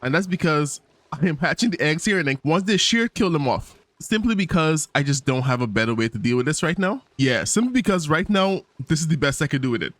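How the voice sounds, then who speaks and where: A man's voice: fairly high pitch, lively intonation, a little fast, a bit bright, no room sound. A man hosting a gaming channel, thinking aloud in casual let's-play commentary with fillers and small laughs, in a tired morning voice.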